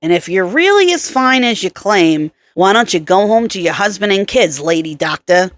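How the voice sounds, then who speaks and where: A woman narrator voicing a gruff older male psychiatrist with a nasal New York accent, blunt and wisecracking. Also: mid-range voice, lively intonation, normal speed, no room sound, close to an everyday voice. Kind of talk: audiobook character voicing.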